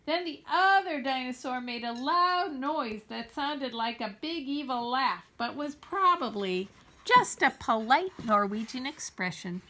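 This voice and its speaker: A woman reading a children's story aloud in an expressive, playfully wry and deliberate way. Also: high-pitched. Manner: playfully wry, deliberate, addresses young listeners. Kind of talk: animated storybook read-aloud.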